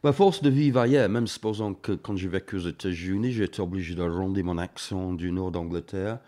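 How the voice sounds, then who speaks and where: An English man, a native English speaker, giving a radio interview in French with an English accent, halting with many fillers and restarts. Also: low voice, dark tone. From England. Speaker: interview guest.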